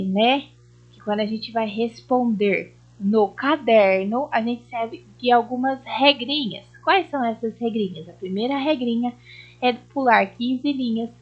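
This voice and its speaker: A Brazilian woman teaching young children a remote lesson, explaining slowly and patiently with lots of tag questions. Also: a little high, slightly rough. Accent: Brazilian Portuguese. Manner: slow, patient, sing-song explaining with frequent tag questions. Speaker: primary school teacher. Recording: slightly dull lo-fi audio.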